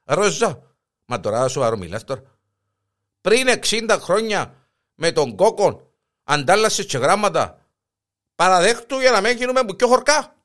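A man's voice: high voice, big pitch swings, pauses often, fairly bright tone. A man voicing a jealous elderly husband who accuses his wife, with a Cypriot Greek accent. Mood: indignant. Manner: accusing, pressing. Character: jealous old husband, indignant.

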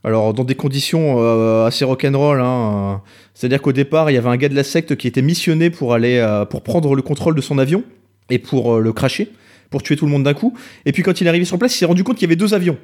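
A man's voice: mid-range voice, expressive, quick pace, a little mellow. A man co-hosting a podcast, telling grim stories with ironic understatement and plenty of fillers. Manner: ironic storyteller, understated jokes, many fillers. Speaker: podcast co-host. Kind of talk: joking podcast chat.

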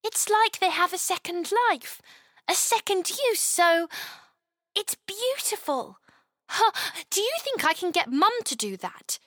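A woman's voice: very high voice, lively intonation, a little slow, bright, forceful tone, dry recording, studio quality, pitched above the performer's own voice, exaggerated voice. A woman voicing a curious, eager little girl asking wondering questions.

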